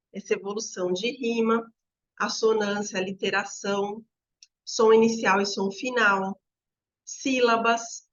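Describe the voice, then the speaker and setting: A woman's voice: mid-range voice, fairly bright tone, dull audio. Woman explaining examples to teachers. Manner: talks viewers through examples, drawing out sample words slowly. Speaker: teacher trainer.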